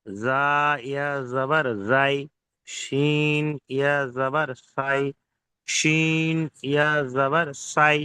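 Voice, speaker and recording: A male student recites Arabic letter drills one after another in a steady, even drone. His voice is bright and very crisp, delivered slowly with little rise and fall, and the recording is dry and close. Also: on the high side, no echo, poor audio.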